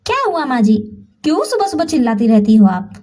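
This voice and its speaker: A woman's voice: sits high, very animated, a little fast, a little mellow, distant mic. Woman doing a sassy young daughter-in-law. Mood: fed up. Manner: sarcastic, talking back.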